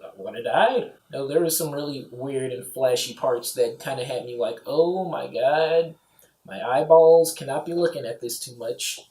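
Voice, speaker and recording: A man with a warm, medium-pitched voice talks through a movie at a moderate pace, offhand and meandering, with plenty of "you know" and "like." The sound is echoey, like a home recording in a roomy space.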